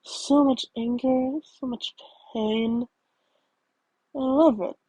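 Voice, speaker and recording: A woman voicing a sly, menacing skeleton villain, a deep-voiced man, in a story reading with a slow, relishing delivery. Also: steady tone, warm tone, slightly rough, no room sound, muffled recording, full character voice.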